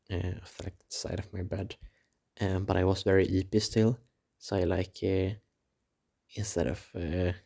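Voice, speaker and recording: A young man rambling casually through a dream log in a hazy, puzzled, halting way, as if piecing it together as he talks. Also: sits low, vocal fry, darkish tone. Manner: swears casually. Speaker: dream diarist.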